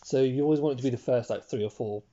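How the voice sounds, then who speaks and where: Young man, relaxed mellow chatter, muffled lo-fi recording. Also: mid-range voice, fast. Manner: chatty, interjects often, trails off into mumbles. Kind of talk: casual chat.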